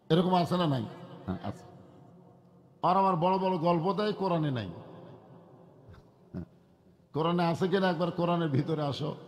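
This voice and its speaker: High-voiced preacher with booming reverb. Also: male voice, lo-fi sound. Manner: calls for crowd responses, chanting slogans; rises to loud drawn-out chanted peaks. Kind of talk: Islamic waz sermon to a crowd. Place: outdoor religious gathering.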